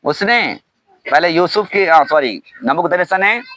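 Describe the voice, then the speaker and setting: Guy pastor preaching hard, bright forceful voice, lots of hallelujahs, kinda high. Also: animated, a little slow, poor audio. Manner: preaching with frequent hallelujahs and call-and-response questions. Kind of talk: sermon.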